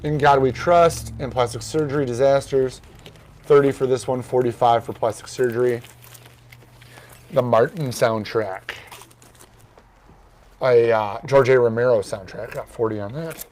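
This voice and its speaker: A man hosting a record store's morning show, casually talking through records and their prices in an offhand, relaxed way. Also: mid-range voice, unhurried, long pauses.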